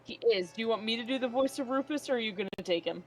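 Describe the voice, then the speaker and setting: A woman's voice: fairly high pitch, animated, racing, over music, low-quality recording. A woman chatting and narrating casually as co-host of a video game playthrough. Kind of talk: casual gaming chat and narration.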